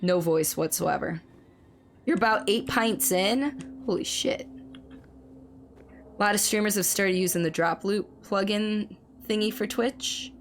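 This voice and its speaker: A woman streamer chatting through live gameplay commentary, reading and answering chat, her voice slightly hoarse as it recovers. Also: medium pitch, a little slow, long pauses, a little hiss or hum.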